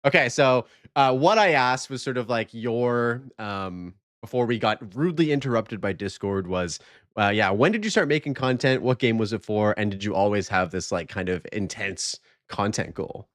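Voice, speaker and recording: A man with a lowish voice hosting a laid-back live podcast, chatting loosely and filling gaps with "like" and easy laughter. His voice sits dry and close on the mic, with no room sound around it. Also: expressive, moderate pace, no room sound. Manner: laughs often, many "like" fillers. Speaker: podcast host. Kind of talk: casual live-streamed podcast chat.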